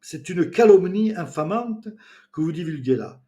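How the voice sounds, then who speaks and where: A man's voice: high voice, expressive, normal speed, voice pushed up. A man doing a touchy, grumpy drunk. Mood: indignant. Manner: curt, indignant shouting.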